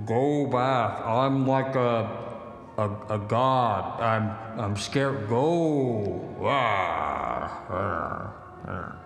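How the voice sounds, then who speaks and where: A man voicing a bumbling, frightened fake god in tabletop role-play, with a halting, dopey boom and echoing reverb. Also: vocal fry, fairly bright tone, full character voice. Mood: bluffing, scared. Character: bumbling fake god, a frightened little drow girl booming warnings. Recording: echoing cavern-like reverb, music behind.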